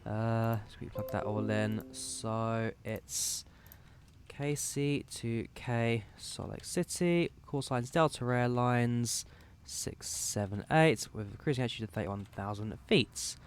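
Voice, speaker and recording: At a slow pace, this young man speaks in a clean, medium-pitched voice that's slightly worn. He walks viewers through preparing a flight sim cockpit in relaxed live commentary, calling out codes and numbers.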